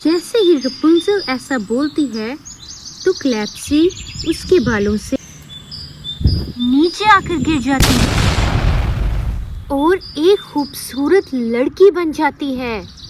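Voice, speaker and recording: A woman narrates a bedtime fairy tale in a slow, measured way. Her voice is high and unhurried, with faint outdoor noise behind it. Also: animated, a little mellow. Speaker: storyteller. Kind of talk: scripted bedtime story narration.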